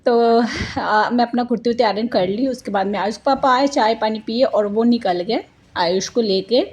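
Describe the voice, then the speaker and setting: A woman's voice: fairly high pitch, moderate pace, darkish tone, husky, lo-fi sound. A woman in her thirties from India, narrating her family vlog in a chatty, rambling way full of homely asides. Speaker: family vlogger, mother.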